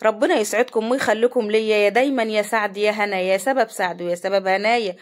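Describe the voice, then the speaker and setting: A middle-aged woman with an Egyptian accent, chatting and joking in a lively, teasing way in a casual family vlog. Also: mid-range voice, fast talker. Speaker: vlogger.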